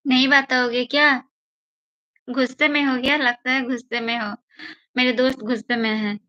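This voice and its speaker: A young woman chats with her live-stream viewers, playfully begging them to say something. Her voice sits a little high yet stays fairly flat. The sound is dry and close, with the dull, lo-fi quality of a phone mic. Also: moderate pace, no echo. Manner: coaxing, playful, pleading for viewer replies.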